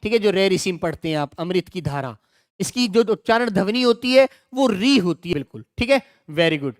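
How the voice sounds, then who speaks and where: A middle-aged male teacher running an online exam-prep grammar class, repeating each example and coaxing students to answer quickly. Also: high-pitched, lively intonation, no room sound, clean studio sound.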